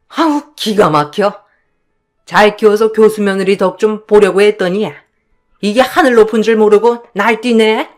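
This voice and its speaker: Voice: mid-range voice, close to an everyday voice. A woman voicing a haughty middle-aged mother-in-law who speaks with sneering contempt in a radio drama.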